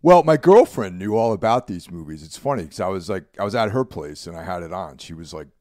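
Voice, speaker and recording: Deep-voiced, lively podcast co-host. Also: male voice, fairly quick, no echo, clean studio sound. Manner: relaxed, rambling, trails off with "you know what I mean". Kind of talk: casual chat.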